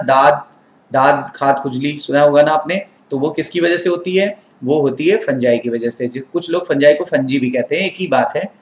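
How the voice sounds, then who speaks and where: A man's voice: on the high side, reverberant. Indian man teaching with many questions. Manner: asks students questions and answers them himself. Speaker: biology teacher. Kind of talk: classroom lecture.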